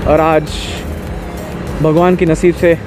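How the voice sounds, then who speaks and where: A young man, chatting in a rambling, easygoing way while riding a motorbike on a highway and mixing in English words. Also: flat delivery, slow pace, over music. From India. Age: young adult. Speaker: motovlogger. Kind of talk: casual chat while riding.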